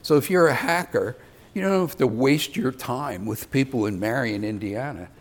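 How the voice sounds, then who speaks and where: A man's voice: mid-range voice, animated, normal speed. Conversational older man preaching. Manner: conversational, self-deprecating asides. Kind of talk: sermon.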